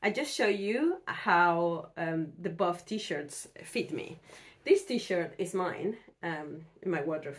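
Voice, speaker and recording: A sewing vlogger with a fairly low voice, hoarse from a cold, chats casually about her projects. She rambles, using fillers and restarting her sentences.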